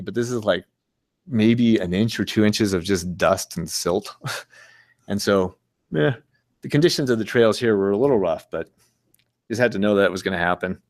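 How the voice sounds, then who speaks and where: A man's voice: on the low side, no room sound. A man giving a casual, rambling talk with slides, easygoing and chuckling often. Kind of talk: casual storytelling presentation with slides.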